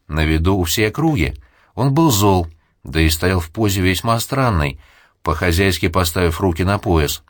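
A man narrating an audiobook story in a steady, dramatic reading with voices for the characters. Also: low voice, no echo, studio quality.

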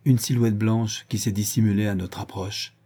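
A man's voice: on the low side, steady tone, moderate pace, mellow, breathy edge. A man voicing a blunt, uneasy henchman in an audiobook.

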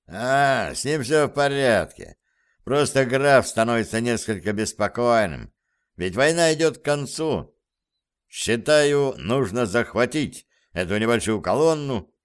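A man voicing a brisk male guerrilla leader who gives curt orders, read as audiobook dialogue. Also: medium pitch, expressive, clear, resonant tone, close to an everyday voice. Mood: commanding.

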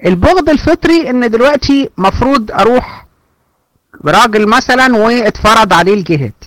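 A woman's voice: a little high, animated, fairly quick, dry recording, low-quality recording. A woman teacher with an Egyptian Arabic accent gives a religious lesson. She keeps asking rhetorical questions and acts out little dialogues to explain her points. The recording is close and dry, with no room sound.

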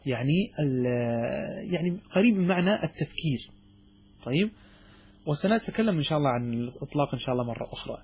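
Guy lecturing students, kinda husky and a bit high, quizzes them then answers himself, lots of restarts. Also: lively intonation, fast, a little mellow. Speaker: sheikh teaching a logic text. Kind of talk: classroom lecture.

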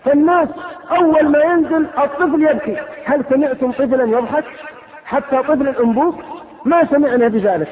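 Passionate preacher, rapid and scolding, recorded thin and phone-like in an echoing hall. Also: male voice, very high-pitched, a faint crowd. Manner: impassioned, rhetorical, scolding. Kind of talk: fiery sermon. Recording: lo-fi phone-like sound, long hall reverb.

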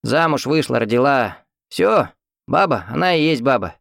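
A man's voice: mid-range voice, big pitch swings, normal speed, creaky, fairly bright tone, no echo, studio quality, voice pushed up. A man voicing a talkative, grumbling old man in a hospital ward, folksy and fussy. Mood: chatty. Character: chatty old male hospital patient, grumbling.

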